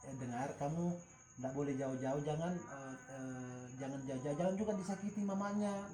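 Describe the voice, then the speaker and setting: A man's voice: mid-range voice, normal speed, mellow, echoey room, faint music behind. Man alternating coaxing talk with prayer. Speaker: spiritual healer. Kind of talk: ritual session with prayers.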